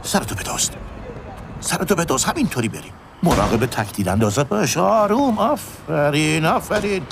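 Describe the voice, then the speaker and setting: An actor playing a paramedic's partner who talks in an urgent, pleading way. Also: male voice, a little high, big pitch swings. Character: hurried male paramedic partner. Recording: clear street and vehicle noise.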